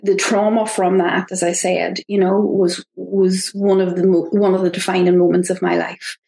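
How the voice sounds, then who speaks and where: A woman with an Irish accent, a podcast guest talking in an earnest, halting way with frequent restarts. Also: on the low side, little pitch movement, creaky, dark tone. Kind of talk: reflective interview talk. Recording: roomy echo.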